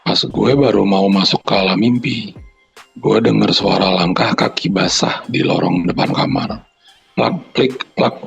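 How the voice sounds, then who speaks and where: Gravelly-voiced man reading horror. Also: on the low side, unhurried, soft background music. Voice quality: gravelly, husky. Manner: banters in slang, then reads steadily with sound effects. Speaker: podcast co-host reading listener horror stories. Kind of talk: casual chat and reading a horror story aloud.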